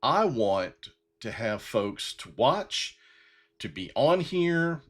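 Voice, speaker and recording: A man's voice: medium pitch, sing-song, takes it slowly, a bit bright. A man in his fifties hosting his own show, talking sincerely and rambling with many fillers and restarts. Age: 50s. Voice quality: bald-headed. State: getting emotional. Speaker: podcast host. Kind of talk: heartfelt solo talk.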